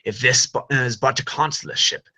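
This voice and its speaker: Brooding armored villain lord in verse, read aloud by a man; husky, drawn-out delivery. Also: mid-range voice, fairly even intonation, sharp tone. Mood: solemn menacing. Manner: slow solemn declaiming, drops into whispers. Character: dark armored male lord, menacing and brooding. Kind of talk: live Shakespearean verse reading.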